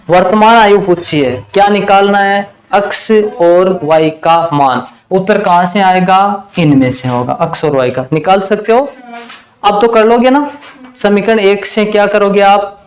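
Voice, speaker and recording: A man with a Hindi accent teaching a math lesson at the board, asking the class questions and then answering them himself, and slowing down to dictate equations. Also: high-pitched. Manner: slows down while dictating equations.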